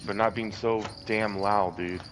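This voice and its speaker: A man's voice: on the low side, fairly even intonation, a little slow, noisy background. A man in a casual group chat, blunt and irritated, cursing freely. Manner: blunt, irritated, curses a lot.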